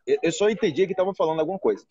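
A Brazilian man teaching Portuguese on a live stream from a restaurant, chatting in an animated way and acting out other people's voices. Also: high voice, racing, husky, no echo, dull audio. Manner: animated, acts out quoted voices. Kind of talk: casual live chat.

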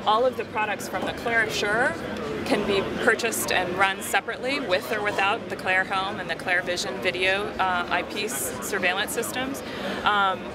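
A man presenting software at a trade show booth, explaining steadily with frequent ums. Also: sits high, fairly even intonation, moderate pace. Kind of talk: product demo. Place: busy trade show floor. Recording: loud crowd noise behind. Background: loud crowd chatter.

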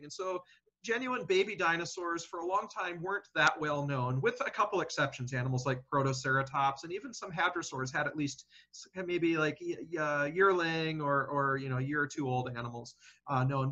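A man's voice: fairly high pitch, bright, forceful tone. A man, a paleontologist guest, answering questions in a casual interview, thinking aloud with many fillers and restarts. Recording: dull lo-fi audio.

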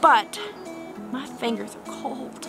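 A woman's voice: on the high side, takes it slowly, gravelly, over music. A young woman vlogging on a winter hike in the woods, talking chattily to a handheld camera with lots of fillers. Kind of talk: casual vlog talk to camera.

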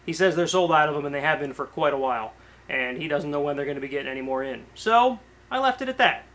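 A man's voice: fairly high pitch, quick pace. Chatty man in a garage workshop. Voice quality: relaxed, chatty, with frequent fillers and restarts. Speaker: garage vlogger. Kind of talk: casual show-and-tell to camera. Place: cluttered garage workshop, indoors.

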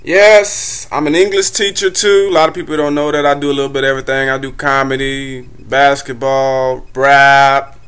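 A man's voice: mid-range voice, flat delivery, normal speed, hardly any pauses, fairly bright tone, clean tone. A young man doing a stand-up comedy monologue, telling loose, chatty stories full of fillers.

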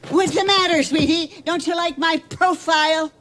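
A woman's voice: very high-pitched, steady tone, normal speed, fairly bright tone. A woman playing a sassy, defiant old lady with a mouthy, taunting manner. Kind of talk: film comedy acting.

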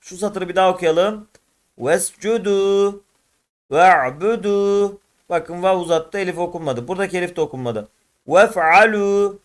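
High-voiced man teaching letter by letter. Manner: drawn-out, louder syllables read aloud for repetition; addresses viewers as friends, patient explaining. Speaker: Quran reading teacher. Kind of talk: step-by-step reading lesson.

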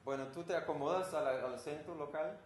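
A man's voice: a little high, fairly quick. A man from Denmark with a Danish accent, a composer giving an informal talk to an audience, who asks them questions and sometimes searches for words. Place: room with an audience. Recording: roomy, with faint room noise.

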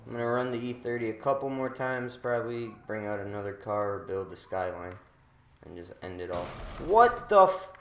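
A man's voice: lowish voice, little pitch movement, fairly quick. A young man with a slangy, heavily profane frat-bro manner, giving casual commentary while playing a game. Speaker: gamer recording a gameplay video. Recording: roomy echo, engine noise behind. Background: racing game car sounds.

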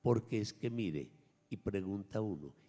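A man, a priest, preaching a sermon at Mass, emphatic, swinging between raised and hushed lines. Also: on the low side, expressive, unhurried, big-room sound. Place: church.

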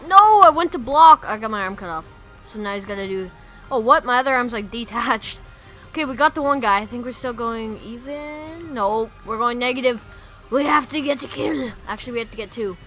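Woman gaming commentator: excitable, rambling delivery, bright and sharp, a bit high. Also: fairly quick, faint music behind. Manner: excitable, chatty, lots of "like" and "friggin'". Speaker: gaming YouTuber. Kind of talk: casual gameplay commentary.

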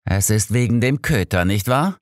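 A smug, lecturing old detective holds forth in a low, lively voice, as a man reads him aloud. His tone stays superior and a little needling. The audiobook recording is dry and close. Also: unhurried, no echo. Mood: coaxing. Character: sharp, know-it-all older male detective.

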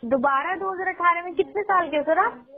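Over a thin phone line, a young adult woman works as a call centre agent on a customer service call. Her voice is very high-pitched and brisk, and she answers politely but firmly.

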